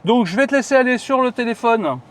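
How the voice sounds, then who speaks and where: A chatty man explains things to a colleague in an easygoing, filler-heavy way. His voice sits high for a man. He is recorded outdoors beside a car. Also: expressive, fast. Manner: chatty, many fillers, asks viewers questions. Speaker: channel host explaining electric cars. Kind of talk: casual explanatory chat.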